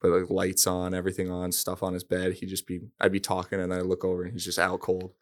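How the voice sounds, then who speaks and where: A man's voice: low-pitched, monotone, fast talker. A young man, a pro athlete guest, telling teasing stories about his old roommate in casual chat, often laughing. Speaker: guest, pro hockey player.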